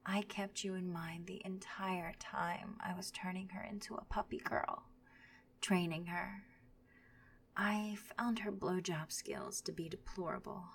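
A woman's voice: medium pitch, slight background noise. A woman voicing a vindictive jilted ex-girlfriend in an audio roleplay, often whispering as she gloats.

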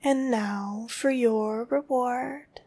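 A woman delivering a scripted dominant roleplay in a slow, commanding, contemptuous tone that often drops to a whisper. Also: fairly high pitch, steady tone, a little mellow, breathy edge.

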